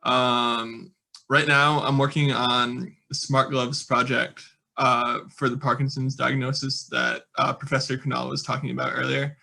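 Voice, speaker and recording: A man's voice: medium pitch, little pitch movement, measured pace, vocal fry, sharp tone. A young man from Saskatchewan, an undergraduate student, introducing himself with a hesitant, filler-heavy delivery. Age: young adult. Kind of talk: prepared self-introduction.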